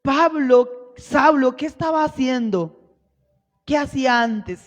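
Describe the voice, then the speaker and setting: A woman's voice: high-pitched, slow pace. A woman missionary preaching a sermon in a church, asking rhetorical questions and acting out quoted lines with growing force. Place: church hall. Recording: reverberant church hall, dull lo-fi sound.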